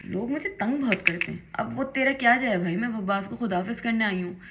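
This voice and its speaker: A woman's voice: fairly high pitch, brisk, very noisy. A young woman talks casually in a makeup vlog while doing her makeup at home. Her speech is chatty and emphatic, and she rises into indignant bursts. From Pakistan. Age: young adult. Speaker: vlogger. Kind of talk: casual get-ready-with-me vlog chat.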